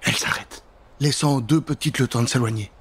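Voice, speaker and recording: A man in his thirties tells a children's Halloween story in a theatrical, suspenseful style, speaking fairly quickly in a mid-range voice. He's at a studio microphone with a pop filter, though the background is noisy.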